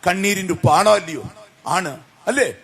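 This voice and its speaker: A male preacher giving a sermon, firing questions at the congregation and swinging from loud calls to soft, low answers. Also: moderate pace, slightly rough. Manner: call-and-response questions to the congregation.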